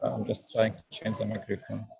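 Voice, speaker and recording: A man speaks over an online call that keeps breaking up. His voice is gravelly and the sound comes through dull and muffled. He talks haltingly and fills his pauses with "uh.". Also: fairly low pitch, completely flat delivery, warm tone, no echo. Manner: hesitant, halting, with many "uh"s. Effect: online call audio breaking up. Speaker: meeting participant asking a question. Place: noisy place on an online call.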